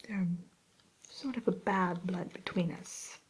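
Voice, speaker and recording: A woman playing a haughty evil fairy-tale queen turned shopkeeper in a breathy ASMR whisper, speaking in a genteel, unhurried way. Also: lowish voice, a little hiss or hum, poor audio. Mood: genteel, disdainful. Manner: genteel, aloof, unhurried, hesitant pauses.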